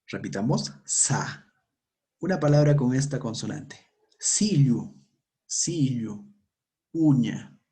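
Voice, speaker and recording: A man teaching a language lesson, saying each sound and word slowly and repeating it for learners to copy. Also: mid-range voice, expressive, mellow. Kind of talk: slow pronunciation lesson.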